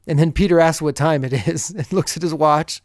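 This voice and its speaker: A man's voice: on the high side, fairly even intonation, fairly quick, no echo, studio quality. A man co-hosting a podcast, recapping an episode in a casual, chatty way and often chuckling as he goes. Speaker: podcast co-host.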